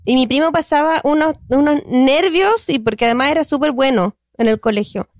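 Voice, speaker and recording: Young woman, Chilean accent, high voice, loud playful talk, dry close sound. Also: fairly quick, no room sound. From northern Chile. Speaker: podcast co-host. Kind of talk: casual chat.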